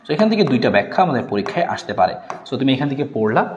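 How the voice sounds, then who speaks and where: A man's voice: medium pitch, big pitch swings, very fast, highs cut off, a little hiss or hum. A young man with a Bangladeshi Bengali accent teaching a physics exam-prep class in a casual, repetitive way, often checking in with his students. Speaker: physics tutor. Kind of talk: online exam-prep lecture. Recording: echoey room with long reverb.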